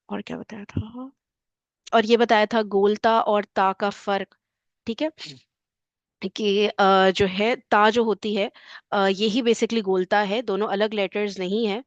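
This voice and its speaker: A woman's voice: mid-range voice, level tone, no echo. A woman teacher patiently recapping a grammar class, often checking that students follow. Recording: dull lo-fi voice.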